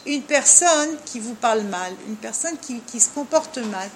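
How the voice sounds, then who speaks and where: A woman leading an informal religious talk for a group. She is animated, speaks straight to her listeners, and acts out small dialogues as she makes her points. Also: on the high side, unhurried, slight background noise. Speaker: leader of a women's discussion group.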